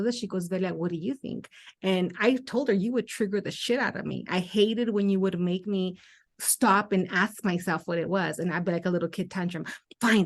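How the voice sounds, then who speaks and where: A woman hosting a podcast as a spiritual life coach, talking candidly and animatedly, swearing casually and acting out her own past reactions. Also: mid-range voice.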